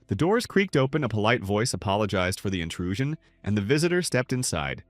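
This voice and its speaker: A man narrating a comic story recap in a steady, scripted storytelling manner. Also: lowish voice, fairly quick, dry recording, clean studio sound, faint music behind.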